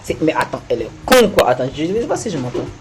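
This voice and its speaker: A man's voice: a little high, big pitch swings, fast, noisy background. A man streaming a romance game, joking, repeating himself and reading the dialogue aloud in a teasing way. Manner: joking, repeats himself, laughs often, voices dialogue mockingly. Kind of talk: casual gaming commentary, reading game lines aloud.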